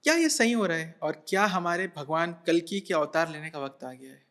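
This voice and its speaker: A man's voice: fairly high pitch, expressive, fairly quick, fairly bright tone. A man hosting a podcast interview, asking respectful questions and chiming in with short agreements. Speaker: podcast host.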